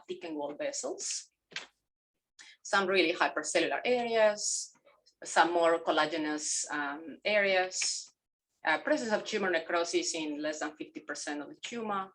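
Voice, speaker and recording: Her voice low-leaning and a bit bright, a middle-aged native Spanish speaker from Mexico works haltingly through a pathology case presentation over video call, using fillers and self-corrections.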